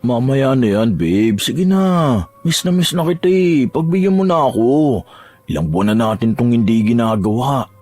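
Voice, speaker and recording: A man's voice: mid-range voice, animated, normal speed, darkish tone, soft background music, natural voice. A man voicing a young boyfriend who talks in a pleading, sulky way in a dramatized story.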